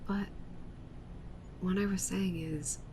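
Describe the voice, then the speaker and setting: A woman takes on the role of a possessive, clingy yandere witch streamer in an ASMR roleplay, pleading intimately and often lapsing into breathy whispers. Her voice is on the low side with fairly even intonation and a slow pace, background noise is present, and she sounds flustered.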